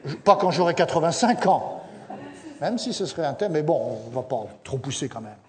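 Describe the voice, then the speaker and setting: A middle-aged man preaches a sermon, his voice sitting a bit high for a man. He tells stories in a lively way, acts out what people say and drops in humorous asides. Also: normal speed. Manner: lively storytelling, acting out quotes with humorous asides. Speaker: pastor.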